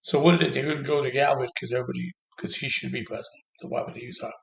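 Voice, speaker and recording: A man's voice: mid-range voice, steady tone, racing, gravelly. A man delivering a heated, sarcastic political rant as a commentator. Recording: echoey room.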